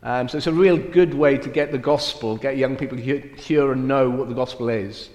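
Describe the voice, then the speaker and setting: A middle-aged Welsh mission field director, his accent a Welsh-Cockney mix, speaks fairly quickly at medium pitch with fairly even intonation and a darkish tone. Being interviewed at church, he chats in a self-deprecating way, using many fillers, while the church hall adds echo and long reverb.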